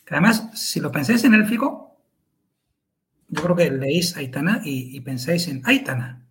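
A man's voice: a little high, very animated, moderate pace, a bit bright. A man, co-hosting a podcast chat and explaining pronunciation carefully, syllable by syllable. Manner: careful and methodical, spells out syllables.

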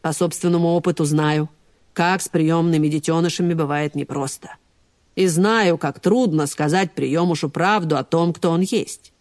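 A woman voicing a calm, kindly male badger police officer in a storybook, with a measured, sympathetic manner. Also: low voice.

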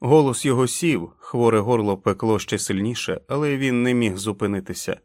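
A man reading a novel aloud as an audiobook narrator, with dramatic, expressive delivery. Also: lowish voice, normal speed, no echo, clean studio sound.

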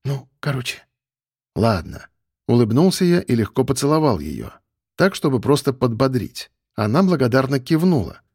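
Male first-person audiobook narrator, even tone, mid pitch, dry close recording. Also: fairly quick, no echo.

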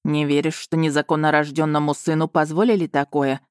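A woman voicing a smug, teasing young male duke in an audiobook, speaking in a lowered, self-assured drawl. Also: level tone, fairly quick, darkish tone, clear, resonant tone, dry recording, clean studio sound, natural voice. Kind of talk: audiobook character voice.

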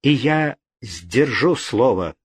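A man voicing a steady, gentle Scottish nobleman who speaks calmly and reassuringly in a storybook reading. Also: medium pitch, takes it slowly, husky, no echo, studio quality, exaggerated voice. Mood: calm reassurance. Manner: calm, reassuring.

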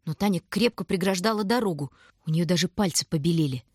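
A woman with a slightly husky voice reads a story aloud in scripted narration. Her delivery is expressive, and the close, dry recording has almost no room sound. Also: lowish voice, quick pace, no echo. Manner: expressive storytelling, voicing every character. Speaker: audiobook narrator.

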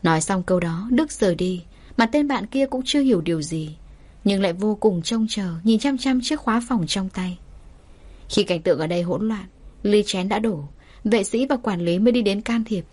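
A woman's voice: medium pitch, animated, normal speed, dark tone. Woman narrating a drama story steadily.

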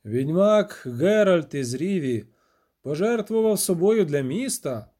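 A pompous middle-aged burgomaster speaks slowly and solemnly, in a ceremonial way, as a male narrator plays him. His tone is warm and mellow. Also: fairly high pitch, animated. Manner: solemn, pompous, slow speech.

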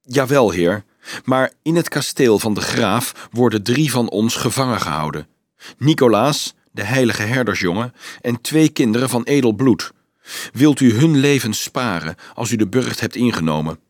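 A man's voice: mid-range voice, expressive, moderate pace, no room sound, studio quality, natural voice. A man reading a storybook aloud, voicing a brave teenage boy who pleads earnestly with a raised voice.

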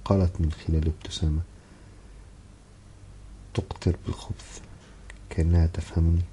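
Audiobook narrator: low, very dark man, expressive and dramatic, faint hiss under the voice. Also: moderate pace. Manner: dramatic, heated in dialogue. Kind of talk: expressive novel reading.

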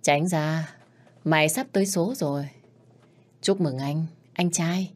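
A woman's voice: low voice, takes it slowly. A woman reading the lines of an arrogant young man, the spoiled elder son, taunting his rival.

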